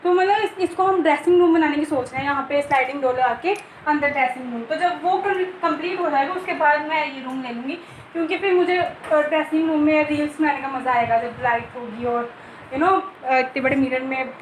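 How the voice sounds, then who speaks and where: Young woman vlogger, high voice, chatty tour of her home, echoey room. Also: fairly quick, slight background noise. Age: young adult. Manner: chatty, joking, addresses viewers directly. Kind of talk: casual home tour chat. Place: rooms of a home, indoors.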